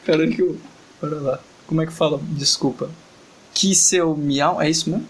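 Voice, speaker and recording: A man's voice: on the high side, steady tone, quick pace. Joking, foul-mouthed Brazilian podcast man. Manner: joking, swears freely, sounds out foreign words. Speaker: podcast co-host. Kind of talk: casual podcast chat. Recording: faint background noise.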